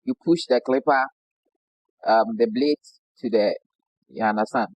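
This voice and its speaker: Ghanaian barber with a dry voice. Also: male voice, medium pitch, measured pace, darkish tone, dry recording, muffled recording. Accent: Ghanaian English. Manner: repeats "you understand?" as a constant check-in. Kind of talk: casual instructional demo.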